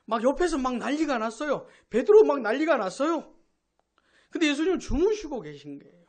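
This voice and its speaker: Animated pastor preaching a sermon. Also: sits high, brisk. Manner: animated, asks the congregation questions; acts out quoted speech. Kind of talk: Sunday sermon.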